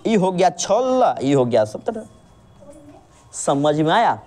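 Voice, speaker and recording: A woman teacher with a lilt walks a student through a reasoning lesson. Her pitch swings widely as she drills with call-and-response, asking again and again whether there is any problem. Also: sing-song, slow pace, a little mellow, faint music behind. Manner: patient, keeps checking understanding with repeated questions.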